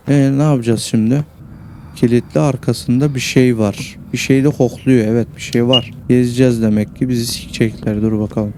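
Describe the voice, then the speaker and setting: A man's voice: mid-range voice, background noise. A man giving casual commentary while he plays a horror game. He swears constantly and reacts jumpily to what happens on screen. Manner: crude, swears constantly, jumpy reactive banter.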